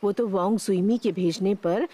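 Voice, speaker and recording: A woman's voice: mid-range voice, moderate pace, warm tone, natural voice. A middle-aged woman dubbing a proud village teacher and mother who gossips and flares up. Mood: indignant. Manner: indignant, gossiping. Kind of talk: Hindi dub of a drama. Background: background music.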